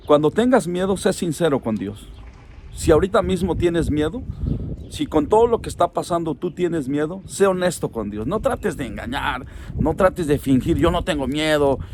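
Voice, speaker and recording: A man's voice: on the high side, background noise. A middle-aged man, a pastor preaching a sermon in an earnest, pleading way, speaking straight to the listener.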